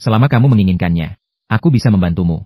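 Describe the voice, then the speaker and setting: A man reading out translated drama dialogue as a recap voice-over, with a stiff, even delivery for every part. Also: deep voice, racing, slightly rough, no room sound, muffled recording.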